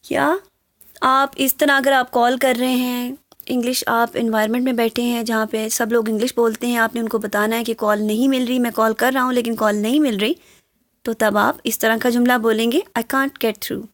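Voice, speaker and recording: A woman with a fairly high voice gives a spoken English lesson, going through phrases word by word. Her first language is Urdu, and she reads the English examples slowly and carefully. The sound is dry and close. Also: little pitch movement, dry recording. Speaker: English teacher.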